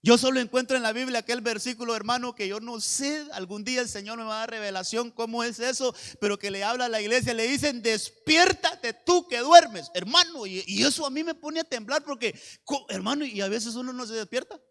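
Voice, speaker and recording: A man preaching a sermon as pastor, fervent, building to loud shouted passages and repeating phrases back and forth. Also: very high voice, fast talker, big-room sound. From Honduras. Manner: fervent preaching with rising shouts and call-and-response repetitions. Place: church sanctuary.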